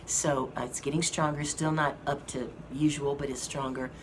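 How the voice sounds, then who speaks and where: In a hospital rehab room filled with air conditioning fan noise, a vlogger casually updates viewers about her health. She sounds hoarse and very deep, with fairly even intonation, speaking slowly and haltingly with many fillers.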